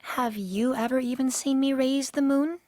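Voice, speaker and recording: A woman's voice: sits high, steady tone, moderate pace, a little mellow, dry recording, clean studio sound, natural voice. A woman voicing a lonely, bitter pony princess of the night in a radio drama, speaking in formal, sorrowful diction. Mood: resentful, formal. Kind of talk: fan-made radio drama acting.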